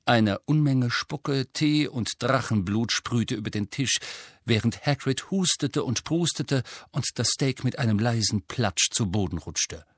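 A man narrating an audiobook in a measured, even storytelling manner. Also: medium pitch, husky, no echo. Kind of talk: scripted narration.

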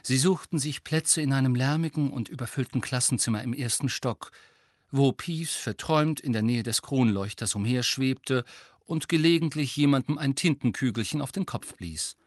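A man narrating an audiobook in a calm, even storytelling manner. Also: mid-range voice, normal speed, dry recording, clean studio sound.

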